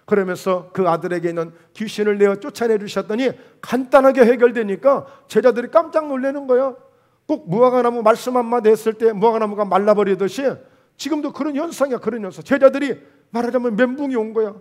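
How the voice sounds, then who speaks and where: High-voiced pastor preaching with swings. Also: male voice, fast. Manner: animated preaching, rhetorical questions, swings between loud and hushed. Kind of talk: sermon.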